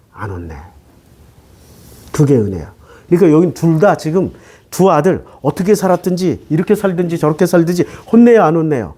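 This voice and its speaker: A male pastor preaching a sermon. He keeps asking the congregation questions and answering them himself. His voice rises high and drops low, and his casual talk mixes with formal scripture reading. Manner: swings between raised and low, soft phrases.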